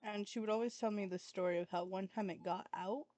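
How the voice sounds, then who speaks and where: A woman's voice: medium pitch, steady tone, a little fast, a little mellow, dry recording. A woman streaming a game in casual chat, playfully scolding her kitten in baby talk.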